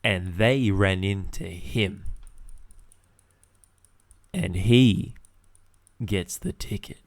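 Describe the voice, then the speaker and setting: A man's voice: deep voice, extremely slow. Young man ranting, sweary and laddish. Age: young adult. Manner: sweary, exasperated, repeats points for emphasis. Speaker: podcast host. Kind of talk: casual rant with laddish slang.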